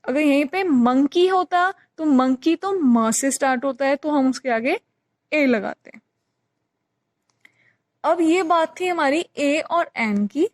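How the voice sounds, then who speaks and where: A woman's voice: high-pitched, animated, slow, no echo. A woman teacher patiently explaining a grammar lesson, repeating key points with examples. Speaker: English teacher.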